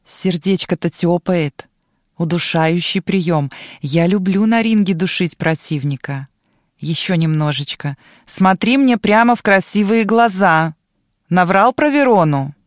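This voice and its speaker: A woman's voice: fairly low pitch, measured pace, a little mellow, no echo, studio quality, natural voice. A woman voicing a brash, bossy girl turned into a dragon, mocking and domineering. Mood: menacing.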